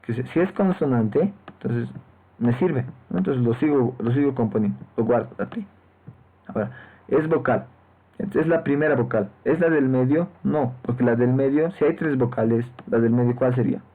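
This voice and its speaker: A man walks students through code in a screen-recorded lesson, talking at a middle pitch. He explains each step and keeps checking in with short tag questions. His voice comes through a thin, phone-like microphone. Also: normal speed. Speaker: programming teacher. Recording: tinny lo-fi phone-like mic.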